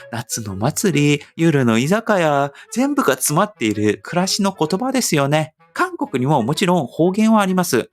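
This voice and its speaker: Young man, lively rising and falling pitch, raised voice, scripted vlog narration, soft music behind. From Seoul, South Korea. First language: Korean. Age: young adult. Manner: animated storytelling, rhetorical lists. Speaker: vlogger.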